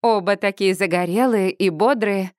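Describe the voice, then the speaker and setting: A woman narrating a first-person audiobook in a lively, expressive way. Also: mid-range voice, moderate pace, no echo, clean studio sound.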